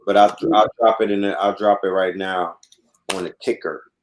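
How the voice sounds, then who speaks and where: A man's voice: deep voice, fairly even intonation, moderate pace, a little hiss or hum. A man hosting a livestream, talking casually and explaining things to his viewers. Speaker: livestream host.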